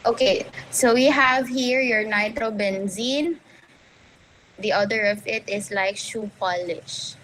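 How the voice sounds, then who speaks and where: A woman with a Cebuano Filipino accent giving a classroom lecture, explaining in a halting way with many fillers. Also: medium pitch, fairly bright tone, poor audio.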